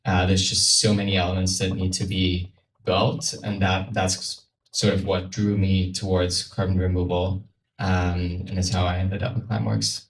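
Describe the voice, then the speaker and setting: Appearing on a panel for a carbon removal firm, a man from Switzerland talks casually and somewhat haltingly in a low, monotone voice at normal speed. The audio sounds roomy and far off, picked up in a noisy event venue.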